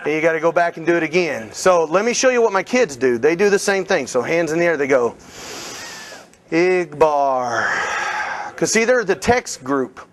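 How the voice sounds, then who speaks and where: A middle-aged man leading a live real estate seminar, energetic and coaching the room with questions to the audience. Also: fairly high pitch, fast talker, few pauses.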